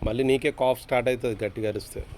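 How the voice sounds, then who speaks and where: A parent speaks to a small son in a coaxing, patient way, repeating short questions and instructions over and over. The voice sits at an ordinary middle pitch. Constant outdoor noise from the rooftop fills the background. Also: steady tone, rapid-fire, darkish tone. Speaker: parent talking to a toddler son. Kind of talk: casual home video chat with a small child.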